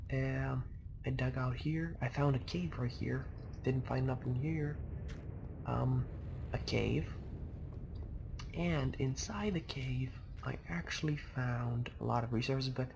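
A young man giving casual, halting game commentary, speaking quietly at night in a low murmur so as not to wake anyone, as host of a gaming video. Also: gravelly. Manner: halting, rambling. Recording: noisy home microphone recording.

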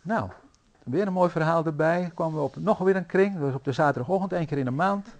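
A man preaching a sermon in a church, telling stories in a lively, anecdotal way with frequent fillers. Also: a little high, fast. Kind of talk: sermon storytelling.

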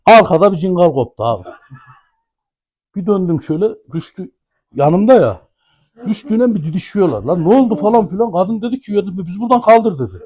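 Husky Ankara-accented man telling a comic story. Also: high voice, fairly quick. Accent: Ankara Turkish. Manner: animated storytelling, acting out dialogue. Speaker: storyteller guest.

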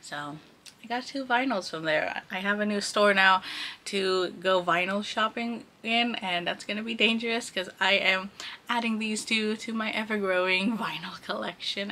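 Slightly high and sharp in tone, a woman in her thirties rambles through a casual vlog with a little background noise. Her delivery is informal and chatty, full of "like."

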